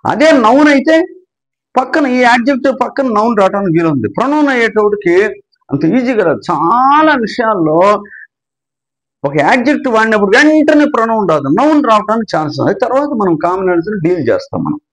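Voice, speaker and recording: A man with an Andhra Telugu accent teaching English grammar, his voice set very high and swinging lively up and down. He keeps asking his class a question and then answering it himself. He slows right down when he dictates an English definition. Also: rough recording. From Andhra Pradesh. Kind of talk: explanatory grammar lesson.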